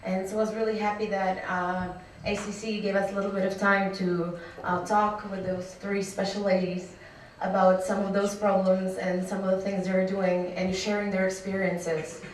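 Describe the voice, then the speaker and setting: A woman's voice: medium pitch, flat delivery, normal speed, slight background noise. A woman moderating a conference panel, hesitant with fillers, recorded in a hall. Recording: echoey hall, distant mic.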